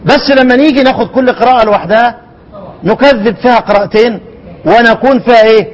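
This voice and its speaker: A man with an Egyptian accent teaching the readings of a recitation poem, repeating words slowly and quizzing his listeners. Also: extremely high pitch, rough recording. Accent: Egyptian Arabic. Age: older. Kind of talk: explaining a recitation poem line by line.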